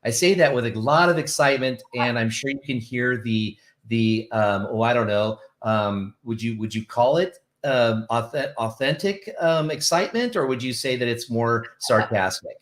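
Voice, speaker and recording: A man's voice: mid-range voice, moderate pace, few pauses, a bit bright. A middle-aged man, a real estate agent, hosting an interview in an upbeat, rambling way with many fillers. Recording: roomy echo.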